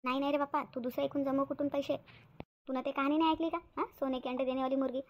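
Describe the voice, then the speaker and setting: A woman's voice: high voice, flat delivery, very fast, a little mellow, lightly acted. A woman voicing a scheming young wife in a cartoon, sly and whiny, pleading with fake tears. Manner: wheedling, fake-tearful pleading. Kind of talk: cartoon voice acting.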